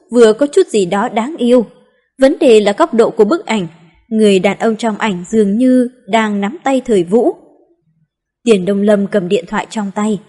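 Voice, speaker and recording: A woman narrating an audiobook in a steady, smooth reading. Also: medium pitch.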